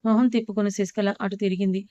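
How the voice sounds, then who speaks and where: A woman's voice: mid-range voice, flat delivery, quick pace, mellow, dry recording, lo-fi sound. A woman narrating a romance story and reading all the characters' lines in her own voice.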